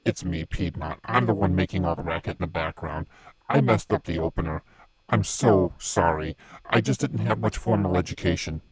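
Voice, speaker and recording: A man playing a bumbling, insecure demon from another dimension in a comic horror audio drama, with a rough, husky voice. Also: low voice, moderate pace, poor audio. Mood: anxious, apologetic. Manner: apologetic, self-doubting.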